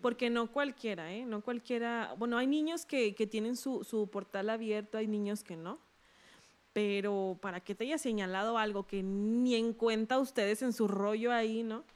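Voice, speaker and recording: A woman, a guest expert on a podcast, who gives her view in a calm, matter-of-fact way with casual slang. Her voice is somewhat high. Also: moderate pace. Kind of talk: casual conversation.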